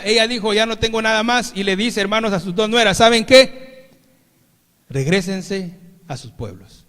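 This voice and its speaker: A man with a Mexican Spanish accent preaching a sermon, calling the congregation "brothers" again and again and swinging between loud and soft. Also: high-pitched. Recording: long reverb of a church hall.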